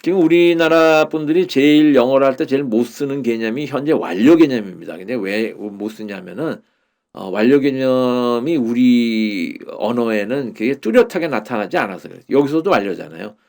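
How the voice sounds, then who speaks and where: A man teaching a Korean-language lesson on English Bible verses. He explains slowly, repeats the English phrases and uses many fillers. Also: mid-range voice, expressive, vocal fry, a little mellow.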